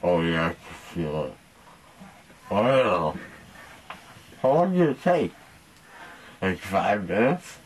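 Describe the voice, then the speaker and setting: A young man who is groggy and woozy rambles casually in a low voice. His words come slowly and drift from one thought to the next. The amateur camera recording has some background noise. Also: sing-song. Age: young adult. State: groggy, woozy after dental surgery. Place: small recovery room in a dental clinic. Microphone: camera held nearby.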